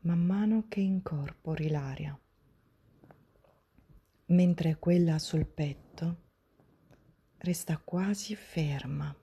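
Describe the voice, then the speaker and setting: A woman softly whispering a guided breathing meditation, gentle and soothing, step by step with long pauses, in a breathy, hushed spa-like voice. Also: low-pitched. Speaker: guided breathing and relaxation instructor.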